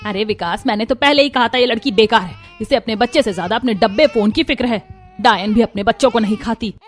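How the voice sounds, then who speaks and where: एक महिला एक कार्टून कहानी में एक सख्त बुज़ुर्ग सास और दादी की आवाज़ दे रही है, बेबाक डाँटने वाले अंदाज़ में।. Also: female voice, on the high side, fast talker, lightly acted. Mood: scolding. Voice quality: scolding, blunt. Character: stern older mother-in-law, grandmother. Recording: light music behind voice.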